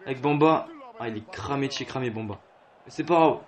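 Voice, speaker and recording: A young man with a French accent commentating his own football game casually, with slangy banter and bursts of shouting at big plays. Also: medium pitch, fairly quick. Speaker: gaming youtuber. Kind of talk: let's play commentary.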